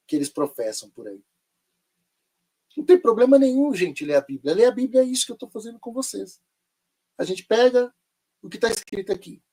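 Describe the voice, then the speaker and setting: A man's voice: high-pitched, a little mellow. A man teaching a live online Bible lesson, sarcastic and full of rhetorical questions.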